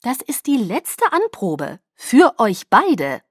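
Bossy, bubbly young stylist, pitched high, a woman reading her, dry close sound. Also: big pitch swings, normal speed, dry recording. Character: lively fussy young woman, a confident stylist.

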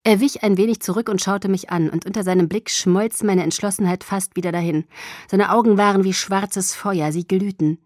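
A woman's voice: medium pitch, normal speed, no room sound. Woman narrating an audiobook, dry and close. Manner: expressive reading with acted dialogue. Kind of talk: first-person novel narration.

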